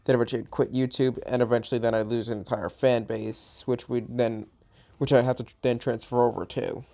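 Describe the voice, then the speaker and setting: A man at a mid pitch talks over his gameplay in a loose, rambling way. He sounds a bit tired and often trails off or restarts his sentences. It is plain, unscripted commentary into a home microphone. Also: level tone, fairly quick, creaky, dark tone. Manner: rambling, chatty, self-correcting. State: a little tired. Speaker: gaming channel host.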